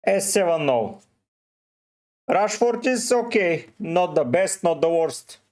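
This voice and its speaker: A man from Bulgaria with a Bulgarian accent, live streaming and slowly answering viewers' questions one by one. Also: sits high, lively intonation, darkish tone. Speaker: fantasy football streamer. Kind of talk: live stream chat, reading comments.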